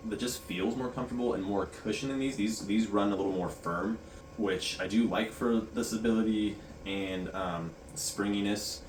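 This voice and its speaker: Male vlogger, deep voice, halting casual review delivery, roomy sound with faint noise. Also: recorded from a distance. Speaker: running shoe reviewer and vlogger. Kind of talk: casual product review vlog.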